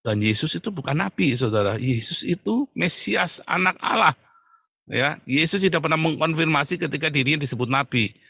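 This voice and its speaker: A man's voice: on the high side, animated, moderate pace, gravelly, pushed and bright, breathy edge, no echo. Blunt mocking man preaching. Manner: mocking, blunt, laughs often. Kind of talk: combative preaching talk.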